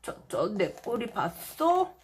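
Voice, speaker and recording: A woman's voice: medium pitch, big pitch swings, slow, slight background noise. A woman voicing an anxious little schoolboy in a storybook, fretting and questioning himself while reading to toddlers. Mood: panicky. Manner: fretful, self-questioning. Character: anxious little schoolboy fretting about his new tail.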